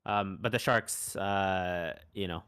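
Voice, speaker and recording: Male co-commentator, low voice, dry close sound, casual and halting. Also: clear, resonant tone, no room sound. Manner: relaxed, hesitant, many ums and restarts, laughs easily. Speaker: tournament commentator. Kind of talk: casual live game commentary.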